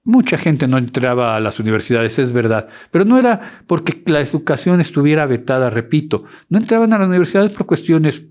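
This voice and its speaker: A man with a fairly high voice delivers an educational lecture. His talk is animated, and he often stops mid-phrase to correct himself before moving on. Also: brisk, hardly any pauses.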